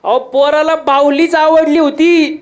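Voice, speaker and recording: A man's voice: extremely high pitch, flat delivery, measured pace. A man giving a humorous devotional kirtan sermon, telling stories with repeated refrains and quizzing the crowd for answers. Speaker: kirtan preacher.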